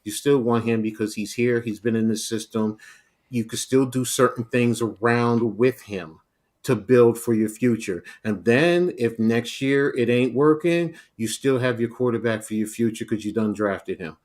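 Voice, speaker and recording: A man co-hosting a sports talk show, laying out his view in a measured, explanatory way. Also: medium pitch, darkish tone. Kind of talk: sports debate.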